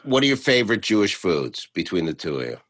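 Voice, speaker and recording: A man's voice: on the low side, sing-song, fast talker, a bit bright. A man hosting a casual chat, joking and asking his guests questions. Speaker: podcast host.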